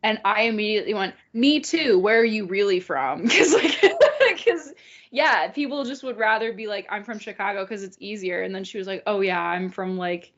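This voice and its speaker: A woman's voice: mid-range voice, expressive, normal speed, a bit bright. A young woman from Illinois co-hosting a podcast, rambling in casual chat, swearing freely and laughing often. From Illinois, USA. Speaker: podcast co-host. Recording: dull lo-fi sound.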